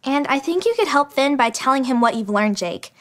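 A teenage girl speaking scripted kids' show lines in a gentle, encouraging way in an indoor studio set. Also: sits high, lively intonation, brisk. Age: teens. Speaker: child actor presenter.

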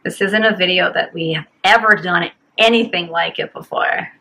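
Hoarse woman with a bright edge. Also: lowish voice, normal speed, low-quality recording. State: hoarse, lost voice. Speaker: channel co-host. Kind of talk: casual chat to camera.

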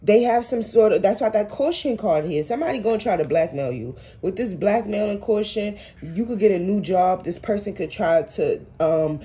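A woman's voice: medium pitch, expressive, moderate pace, hardly any pauses, dark tone. Blunt, profane woman reading tarot. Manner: blunt, profane, streetwise slang. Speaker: tarot reader.

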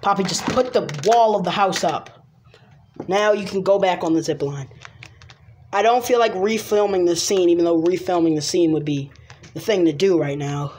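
A woman improvising a toy play video and voicing every figure herself, rambling and hesitant with many pauses and restarts. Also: lowish voice, a little mellow, slight background noise. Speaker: toy video creator voicing all characters.

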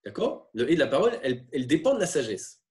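A male lecturer works through a religious text for a class. He speaks in a middling voice, explains step by step, and pauses and restarts as he goes. He often adds small tag questions to check that his listeners follow. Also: medium pitch, big pitch swings, darkish tone. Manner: explanatory, halting, frequent "hein" tags.

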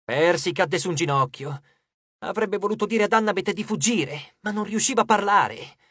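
High-voiced male audiobook narrator. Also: moderate pace, slightly rough, no room sound, studio quality. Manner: steady, expressive storytelling. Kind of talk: scripted narration.

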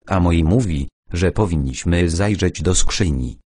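A man voicing a dignified, warm-hearted older gentleman with a beard, exclaiming and reproachful, in an audiobook. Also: low-pitched, measured pace, slightly rough.

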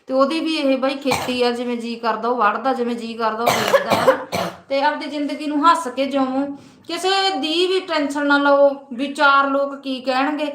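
A high-voiced woman with a Punjabi Malwa accent talks earnestly to her viewers on a live stream. She repeats her advice and keeps checking in with "right?". Her phone picks her up in an echoey room at home. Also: fairly bright tone. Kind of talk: casual motivational live stream.

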